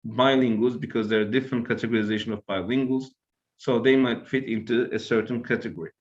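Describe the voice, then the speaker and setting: The lo-fi recording captures a mid-range male voice with a Turkish accent; he is from Turkey and is lecturing academically. He explains things step by step and keeps checking in by asking "right?".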